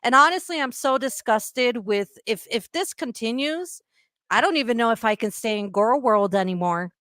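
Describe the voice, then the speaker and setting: A woman's voice: on the high side, expressive, normal speed, a bit bright, dry recording, clean studio sound. A woman with a Spanish accent on a podcast livestream, speaking in an upset, emphatic way and often repeating herself. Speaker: podcast co-host. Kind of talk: heated livestream discussion.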